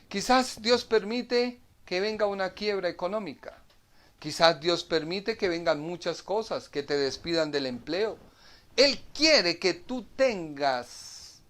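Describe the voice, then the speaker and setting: Slow, emphatic male Bible teacher. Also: sits high, a bit bright. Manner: emphatic, repeats phrases, asks rhetorical questions. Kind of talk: Bible study preaching.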